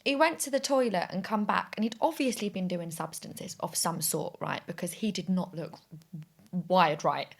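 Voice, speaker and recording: A woman, hosting a podcast and telling an animated, chatty story with free swearing. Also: fairly low pitch, moderate pace, gravelly. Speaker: podcast host. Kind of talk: casual chat.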